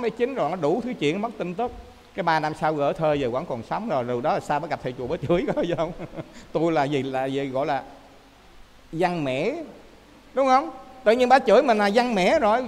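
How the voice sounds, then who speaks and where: A Buddhist monk with a Southern Vietnamese accent gives a dharma talk in a high, bright male voice. He tells his stories with lively energy and keeps asking the congregation to confirm what he says. A long reverb tail hangs behind every phrase. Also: a little fast. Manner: lively storyteller, often asks listeners to confirm.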